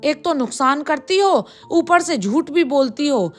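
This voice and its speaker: A woman's voice: high-pitched, animated, measured pace, faint music behind. A woman doing a taunting, jealous daughter-in-law. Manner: sharp, taunting. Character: spiteful, jealous young elder daughter-in-law. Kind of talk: storybook voice acting.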